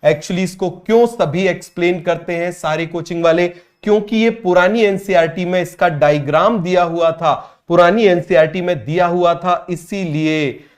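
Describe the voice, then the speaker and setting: Male coaching-class teacher with a slightly high voice; drills students with repeated questions and stretches out key terms. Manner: repeats every point and asks students to call out answers; drawls key English terms slowly. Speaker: biology teacher.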